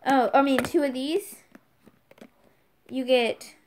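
A woman's voice: sits high, steady tone, slow, a little hiss or hum. A young woman chatting casually on her vlog, rambling playfully and jumping from topic to topic. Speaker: YouTuber.

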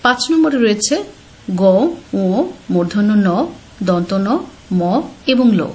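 A woman teacher giving a slide-based pronunciation lesson, speaking clearly and patiently and putting questions straight to her students. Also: mid-range voice, lively intonation, a little slow, darkish tone.

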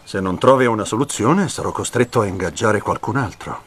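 A pushy literary agent. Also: male voice, on the low side, animated, brisk, husky. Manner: insistent, pressing. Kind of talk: dubbed film dialogue.

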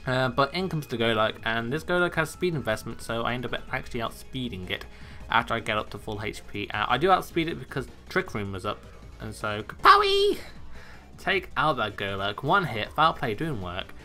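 Bright-voiced man casually commentating a game. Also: mid-range voice, lively intonation, brisk, faint music behind. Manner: chatty and self-mocking, laughs often.

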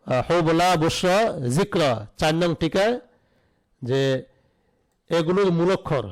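A man's voice: a little high, takes it slowly, low-quality recording. A man teaching an online Arabic grammar lesson, spelling out root letters and asking questions that he answers himself.

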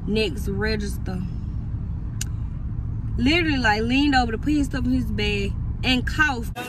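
Animated young woman in a car. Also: on the high side, measured pace, over music, poor audio. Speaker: vlogger. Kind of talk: casual chat. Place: inside a car.

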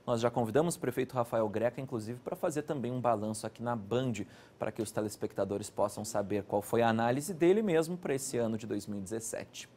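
A man presenting a local TV news program from the studio, chatting between reports in a brisk, conversational way. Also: mid-range voice, warm tone, slight background noise. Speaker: news anchor.

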